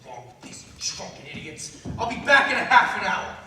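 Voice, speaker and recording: An actor playing a gruff, bossy rich old merchant who barks orders and insults on a live stage. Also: male voice, sits high, very animated, a little fast, a little hiss or hum, heavily acted. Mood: angry, bossy. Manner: barking, shouting insults. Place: theater stage. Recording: echoey hall, taped from far off.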